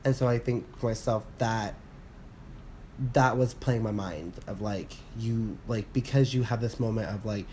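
A man in casual podcast chat, rambling with many fillers and restarts, candid and quick to laugh. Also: lowish voice, mellow, slight background noise. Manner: laughs often, candid and profane. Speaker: podcast co-host.

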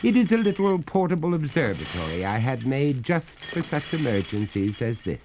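A man voicing a polite, firm young gentleman who is dryly amused. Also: mid-range voice, sing-song, moderate pace, background noise, voice pushed up. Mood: courteous. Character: courteous, stubborn young gentleman.

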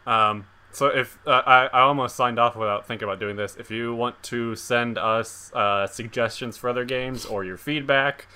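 A man's voice: medium pitch, fairly even intonation, normal speed, few pauses, sharp tone, clear, resonant tone. A man co-hosting a casual game podcast, rambling with lots of "like" and restarts. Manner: rambling, heavy use of "like". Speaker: podcast co-host. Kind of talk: casual chat.

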